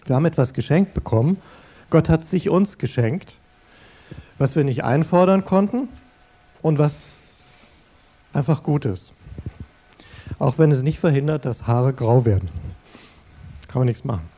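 A middle-aged man preaching in an earnest, conversational way, turning to his listeners directly. His voice is mellow and warm. The recording sounds a little dull and lo-fi. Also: fairly high pitch, expressive, measured pace, long pauses, slightly rough. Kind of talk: sermon-style talk.

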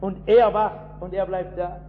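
A man with a high voice preaches an emphatic sermon, rising to loud outbursts and dropping to hushed asides. He keeps turning to the listeners with rhetorical questions. The recording is dull and lo-fi, with a long hall reverb and a faint hum underneath. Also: little pitch movement, a little slow.

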